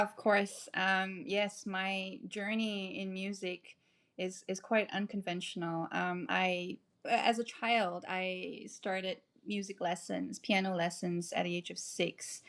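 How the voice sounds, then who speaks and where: A woman in her forties from Malaysia, a composer telling her story in a casual interview, chatty and often laughing. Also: medium pitch. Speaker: guest composer.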